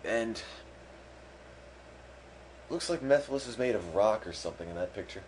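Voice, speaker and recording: A man's voice: fairly low pitch, lively intonation, moderate pace, darkish tone, a little hiss or hum, rough recording. A man hosting a charity game stream, giving dry, sarcastic commentary while playing, over game music. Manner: dry, sarcastic, self-deprecating. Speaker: stream host and game player. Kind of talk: let's play commentary.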